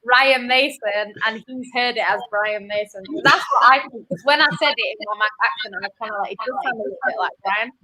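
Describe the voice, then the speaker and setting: A woman on a football panel, chatting quickly and explaining her point. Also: mid-range voice, sharp tone, slightly rough, no echo, low-quality recording. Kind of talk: casual panel chat.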